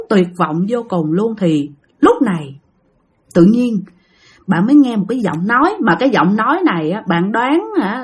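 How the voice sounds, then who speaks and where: Dramatic Southern Vietnamese woman storyteller. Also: fairly high pitch. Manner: speaks straight to listeners, dramatic. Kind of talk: spooky story narration.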